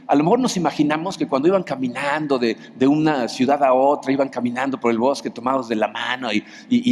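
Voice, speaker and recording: A middle-aged man with a Mexican Spanish accent preaching a sermon in a conversational way, often asking the congregation questions. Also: medium pitch. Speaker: pastor. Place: large church hall. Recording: long hall reverb.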